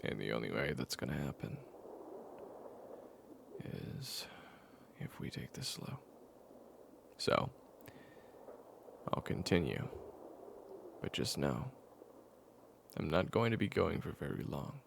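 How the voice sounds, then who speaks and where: In an intimate audio roleplay, a man plays a weary, patient caretaker retelling the past to a companion with amnesia. His very low, gravelly voice is hushed, hesitant, and exaggerated, slow and sing-song with long pauses. He sounds patient and reassuring, with background noise present.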